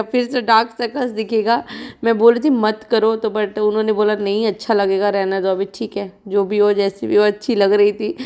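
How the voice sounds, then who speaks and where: A woman in her thirties from India, a vlogging mother, chats frankly and rambles while narrating her own footage. Her voice is a little high and a little mellow, and the recording sounds muffled.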